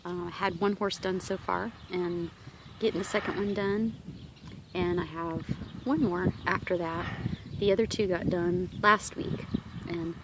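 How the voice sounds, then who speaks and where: A woman recording a casual, rambling video diary as a fitness vlogger, relaxed and affectionate, speaking outdoors into a handheld camera. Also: medium pitch. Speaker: vlogger giving a daily fitness update. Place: outdoors at a horse property, sitting on the ground. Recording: noisy outdoor amateur recording.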